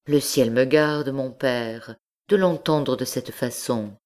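Une femme faisant la voix d'une marquise condamnée qui se confesse, au phrasé formel et mesuré, dans un livre audio. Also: female voice, a bass voice, darkish tone. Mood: solemn. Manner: measured, formal old-fashioned speech. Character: condemned noblewoman confessing, devout and anxious.

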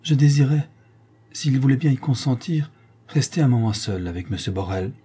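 A man's voice: medium pitch, animated, normal speed, dark tone, slightly rough, voice pushed up. A man voicing a timid male ex-convict who begs in a trembling voice, in a read-aloud novel.

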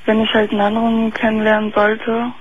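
A woman's voice: a little high, completely flat delivery, brisk. A woman in her twenties calling in to a radio talk show over the telephone. She speaks hesitantly, with many fillers. Her voice comes through faint and thin. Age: 20s. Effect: faint, thin phone-line sound. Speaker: caller. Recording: muffled phone line with faint hiss.

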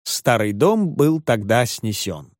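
A man's voice: mid-range voice, sing-song, takes it slowly, no echo, clean studio sound. A man narrating an audiobook expressively.

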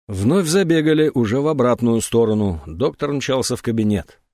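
A man narrating an audiobook in an expressive, dramatic reading. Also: mid-range voice, moderate pace, dry recording, clean studio sound. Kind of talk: scripted narration.

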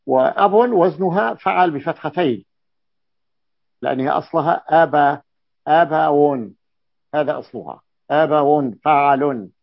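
A man's voice: fairly high pitch, normal speed, gravelly, long pauses, no room sound. A man teaching a classical grammar lesson, repeating key terms and asking his students checking questions. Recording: dull lo-fi dry recording.

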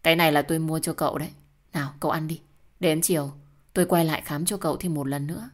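A woman's voice: low-pitched, steady tone, fast. Woman voicing a caring young doctor friend. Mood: coaxing. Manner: warm, coaxing, insistent.

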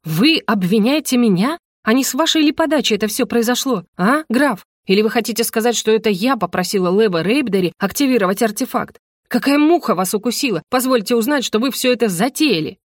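A woman voicing a hot-tempered young noblewoman who snaps back in indignant, sharp retorts, read for a storybook audiobook. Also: a little high, expressive, brisk, dry recording, clean studio sound.

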